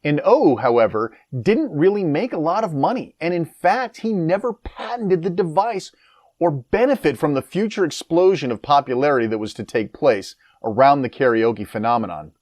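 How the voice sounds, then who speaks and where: A middle-aged American man tells the story like a scripted documentary, with a wry, personal touch. His pitch swings up and down as he goes. He is recorded close and dry, with no room sound. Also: lively intonation, moderate pace, a little mellow, no room sound. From United States. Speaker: documentary narrator.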